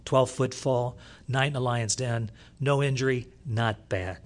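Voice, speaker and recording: Man preaching an animated sermon. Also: medium pitch, a little slow. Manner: animated storytelling, rises loud when reading scripture. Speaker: pastor.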